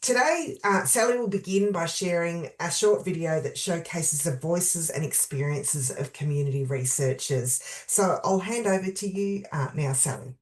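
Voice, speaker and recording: Low-pitched woman, halting, roomy sound. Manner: halting, hesitant delivery. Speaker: event chair introducing a speaker. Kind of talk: formal spoken introduction.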